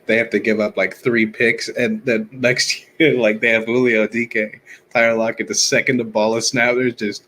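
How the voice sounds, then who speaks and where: A man's voice: mid-range voice, flat delivery, normal speed, bright, forceful tone, a little hiss or hum. Laughing young man, sports podcast. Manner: heated, laughs often, slangy. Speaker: podcast co-host. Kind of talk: casual sports chat.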